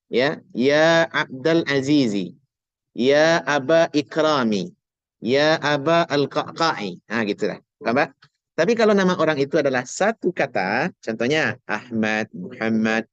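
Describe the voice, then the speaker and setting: A man teaching an Arabic grammar class online, patiently quizzing his students and drawing out example words slowly. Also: medium pitch, no room sound, dull audio. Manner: patient, asks students questions, slow drawn-out example words.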